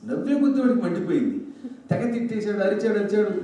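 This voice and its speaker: A man giving a religious storytelling sermon into a microphone, lively and full of humorous asides. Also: sits high, fast talker. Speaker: religious discourse speaker. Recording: very echoey hall, distant mic.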